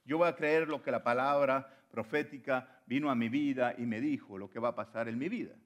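A man preaching a sermon, repeating phrases for stress and swinging between soft, low lines and loud, high ones. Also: fairly quick.

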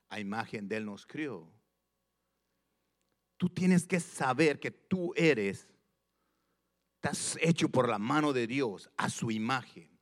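A preacher with a medium-pitched voice reads scripture in a slow, emphatic way, repeating lines. He turns to his listeners and asks them questions directly.

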